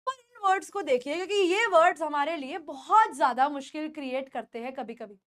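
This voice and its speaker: A woman with an Indian accent teaching spoken English pronunciation, repeating words slowly and quizzing her students. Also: high-pitched, fairly bright tone. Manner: drills words by repeating them slowly, asks the class questions.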